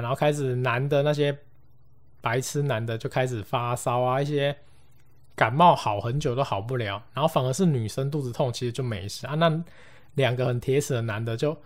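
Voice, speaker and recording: A man's voice: medium pitch, fairly quick. A man with a Taiwanese Mandarin accent hosting a podcast, telling a ghost story casually and acting out the voices of the people in it. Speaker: podcast host.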